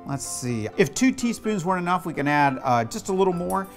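A middle-aged man, who is both a cooking show host and a children's author, runs a playful demonstration in a home kitchen. He gives step-by-step instructions in a teasing, slightly bossy way, his voice high and lively in intonation and fairly quick. Faint music plays behind him.

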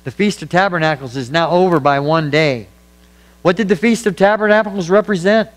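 Male pastor, higher-pitched, earnest emphatic sermon delivery, faint hum on the track. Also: brisk, rough recording. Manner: earnest, emphatic preaching with repetition. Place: church.

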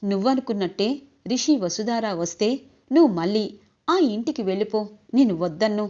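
A woman's voice: mid-range voice, expressive, moderate pace, darkish tone, lightly acted. Insistent middle-aged brother, read by a female narrator, lo-fi. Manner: firm, pleading, insistent. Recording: dull lo-fi recording.

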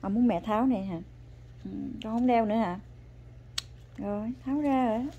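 A woman chatting at home with her toddler as a mother, coaxing and praising in a patient, gentle way. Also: a little high, normal speed, phone-quality sound, slight background noise. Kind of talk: casual family chat to a small child. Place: home, indoors.

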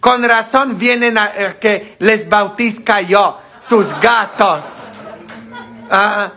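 A man's voice: sits high, slow, bright, forceful tone, soft background music. A male priest giving a playful, teasing sermon, laughing often and asking the audience questions. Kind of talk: joking sermon to a congregation.

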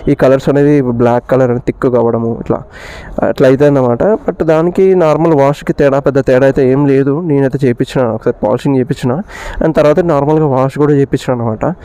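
A motovlogger with a Telangana Telugu accent talks casually at a quick pace, code-switching into English. His mid-range voice is clear, warm and resonant with fairly even intonation, and faint vehicle and ambient noise run underneath.

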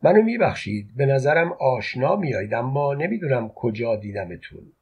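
A man reading a guarded antique dealer who keeps denying who he is, with a husky voice. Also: mid-range voice, sing-song, a little mellow, exaggerated voice. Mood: puzzled. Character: wary antique dealer man hiding his past.

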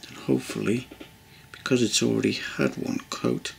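A man's voice: mid-range voice, fairly even intonation, normal speed, gravelly, slight background noise. A man casually narrating a model-building tutorial at his workbench, rambling and hesitant with many ums and restarts. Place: hobby workbench indoors.

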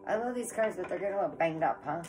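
Reading tarot cards in her living room by an electric fireplace, a woman in her forties with a head cold talks casually to camera and keeps addressing her audience as "guys." Her lowish voice is animated and racing, with music playing in the background.

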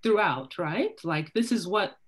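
A woman speaking on a panel over a video call, building her points slowly and tagging them with "right?". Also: on the low side, animated. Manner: thoughtful, tags points with "right?". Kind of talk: academic panel discussion. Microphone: laptop video call.

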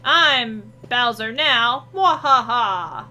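A woman voicing a gruff, boastful male monster king in a video game, with slow theatrical villain menace. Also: on the high side, animated, sharp tone, faint music behind, voice pushed up, full character voice. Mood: menacing.

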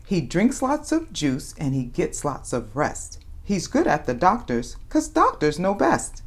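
A woman with a low, unhurried voice and a breathy edge hosts a children's read-aloud. She tells a picture-book story with lively expression, acting out its questions and exclamations for young listeners.

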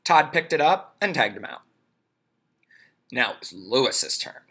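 A man reading a children's storybook aloud in a playful, expressive way. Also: medium pitch, unhurried, breathy edge. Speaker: reader.

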